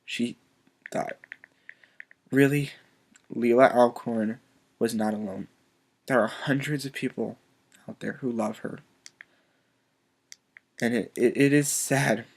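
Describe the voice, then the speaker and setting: Male vlogger, quiet and earnest, halting delivery, on the edge of tears, plain mid-pitch voice. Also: steady tone, gravelly. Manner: soft-spoken. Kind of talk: emotional personal video message.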